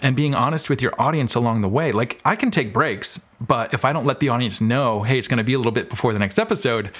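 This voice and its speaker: Fast-talking and fairly bright in tone, a man with a mid-range voice is the guest on a podcast. The filmmaker and audio drama creator keeps things informal and candid, wandering through long explanations in a casual interview.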